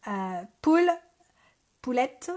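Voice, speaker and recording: A woman's voice: on the high side, very animated, slow pace, a little mellow. A woman hosting a scrapbooking live stream, chatting casually with viewers with many hesitations and fillers, speaking French. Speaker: scrapbooking channel host. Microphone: phone.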